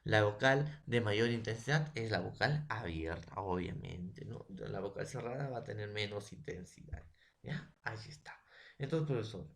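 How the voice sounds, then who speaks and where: A man's voice: on the low side, animated, moderate pace, gravelly, fairly bright tone. A Peruvian man with a Peruvian Spanish accent, a secondary school language teacher giving a recorded lesson, who spells words out syllable by syllable and keeps checking understanding with tag questions. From Peru.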